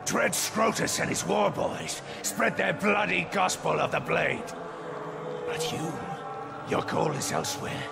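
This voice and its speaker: In a video game cutscene, an actor plays a grandiose male cult preacher leading a fire-worshipping flock. His high voice is unhurried, with vocal fry and heavily acted delivery, swinging sweepingly between loud and hushed as he preaches. Loud score music plays behind him.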